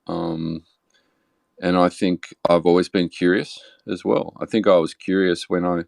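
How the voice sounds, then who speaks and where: A man hosting a podcast, speaking in a hesitant, casual way with many pauses. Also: low-pitched, little pitch movement, vocal fry, darkish tone, no room sound. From Australia. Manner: hesitant, many fillers and restarts. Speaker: podcast host. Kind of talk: casual interview chat.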